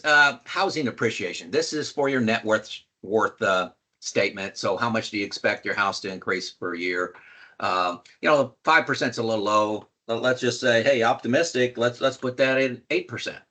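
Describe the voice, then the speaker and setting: Emphatic folksy man, bright voice. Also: medium pitch. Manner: folksy, emphatic, repeats key points. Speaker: retirement planning video host. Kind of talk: casual screen-share tutorial.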